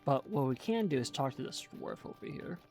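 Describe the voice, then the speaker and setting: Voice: mid-range voice, expressive, brisk, darkish tone, faint music behind. A gamer giving casual commentary on a playthrough, reading quest text aloud in an easygoing, self-mocking way.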